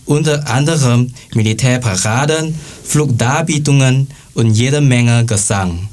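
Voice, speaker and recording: A man reading a prepared presentation in learner's German, careful and deliberate. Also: mid-range voice, a little mellow. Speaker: student presenter. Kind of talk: read-aloud presentation.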